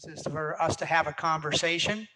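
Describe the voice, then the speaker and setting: A man's voice: a little high, fairly quick, sharp tone, faint music behind, low-quality recording. An older man hosting a conversation, speaking hesitantly with many filler sounds. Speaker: host. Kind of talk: hosted conversation.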